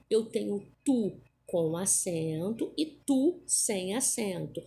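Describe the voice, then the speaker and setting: Woman, patient teacher, recorded lesson; slow, gravelly, mellow delivery with constant tag-question check-ins. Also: medium pitch. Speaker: Spanish teacher. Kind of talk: recorded lesson for Portuguese speakers.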